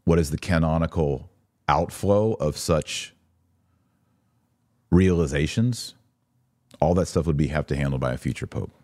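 A man with a low, darkish voice hosts a live podcast, unhurried and leaving long pauses as he reads listener comments and responds in a casual, emphatic, plainly opinionated manner. The mic is close and the recording dry, with no room sound.

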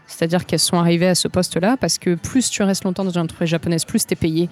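A woman's voice: lowish voice, steady tone, fast talker, soft background music. A woman from France, an interview guest, explaining things at length with frequent hesitations. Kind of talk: conversational interview.

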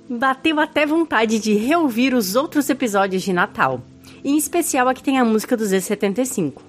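A woman's voice: fairly high pitch, expressive, a little slow, pauses often, fairly bright tone, slight background noise. A woman with a Brazilian Portuguese accent co-hosting a podcast, playfully reading out listener comments. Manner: playful, laughs often. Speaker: podcast co-host.

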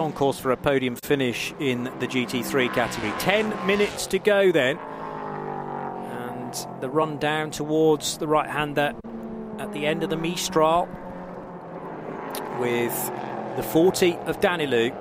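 A man's voice: medium pitch, animated, a little slow. A man commentating live on a motor race as a motorsport commentator. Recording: clear trackside engine and vehicle noise. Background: car engines and outdoor track ambience.

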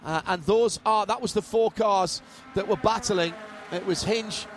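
A man commentates on live motorsport in a high-pitched voice. He gives vivid play-by-play with dry, wry humour. Race cars and trackside noise are clearly heard behind him. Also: unhurried. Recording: trackside broadcast with loud engine noise. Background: racing cars and trackside ambience.

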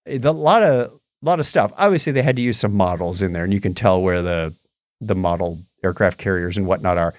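This middle-aged podcast co-host has a low, expressive voice and a brisk pace, casually recounting films and often repeating the starts of his phrases. There's no echo.

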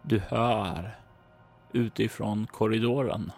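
A man narrating as game master, describing scenes to the player in a calm second-person voice. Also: on the low side, vocal fry. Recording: faint music behind.

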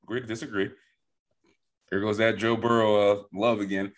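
A man's voice: on the low side, level tone, moderate pace. A man hosting a sports podcast, moving the segments along in a playful, teasing way. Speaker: podcast host. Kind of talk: casual sports chat.

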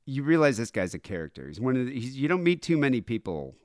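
Nasal, lively-voiced man hosting a podcast. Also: mid-range voice, quick pace, no room sound, clean studio sound. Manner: profane, rambling, animated. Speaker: podcast host. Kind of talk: casual podcast chat.

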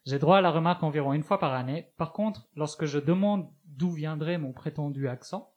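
Male columnist, fairly high voice, ironic scripted comedy chronicle. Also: brisk, dull audio. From Spain. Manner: ironic, joking, reads with asides and laughs. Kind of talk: humorous radio chronicle read from a script. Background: other panelists laughing.

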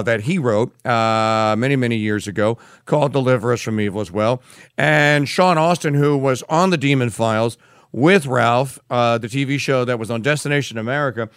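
Smooth-voiced man hosting a podcast. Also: mid-range voice, fairly bright tone, no room sound, studio quality. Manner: halting, many fillers. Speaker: podcast host. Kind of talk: casual podcast interview.

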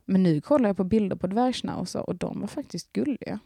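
Young woman, casual podcast chat, rambling, fillers, giggly, middle pitch, dry close sound. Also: lively intonation, creaky, dark tone, husky, dry recording. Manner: chatty, rambling with many fillers and restarts; giggly, gushing. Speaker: podcast host chatting with live chat.

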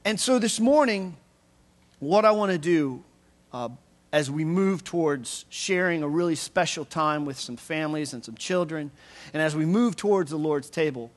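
Chatty pastor guy, 30s, kinda high voice, loose friendly sermon with lots of ums. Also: lively intonation, moderate pace. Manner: chatty and upbeat, many fillers and restarts. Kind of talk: casual sermon.

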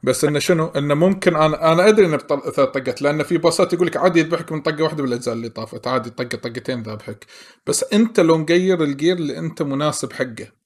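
A man's voice: a little high, rapid-fire. A man with a Gulf Arabic accent hosting a casual chat and asking long, rambling questions. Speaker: host.

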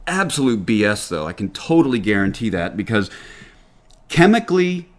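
A man's voice: fairly low pitch, very animated, normal speed. A middle-aged man from Georgia with a Southern accent, hosting a casual radio talk show and lecturing emphatically, with frequent restarts. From Atlanta, Georgia, US. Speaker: podcast host.

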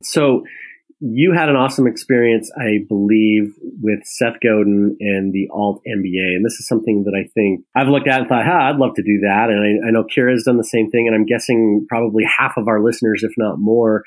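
A man's voice: lowish voice, steady tone, fairly quick, low-quality recording. A man co-hosting a podcast interview, talking things through in a conversational way. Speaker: podcast co-host.

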